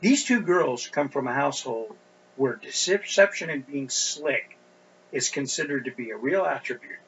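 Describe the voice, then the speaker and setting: A middle-aged man preaching an expository sermon as a pastor, speaking deliberately and pushing up his voice on stressed points. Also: medium pitch, expressive. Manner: deliberate, with emphatic rising stresses. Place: church sanctuary. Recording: dull lo-fi recording with faint hum.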